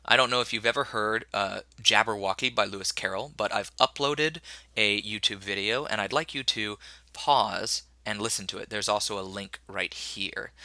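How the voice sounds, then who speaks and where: A man gives a recorded lecture in a bright, sharply forward voice that sits a little low. He rambles, fills pauses with "uh" and "um" and corrects himself mid-sentence. The sound is close and dry. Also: no echo. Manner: rambling with many fillers and self-corrections. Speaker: teacher.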